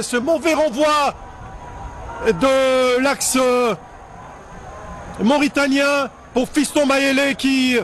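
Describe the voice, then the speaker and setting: Excited high-pitched male football commentator, shouting. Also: a little hiss or hum. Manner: excited, shouting goal call.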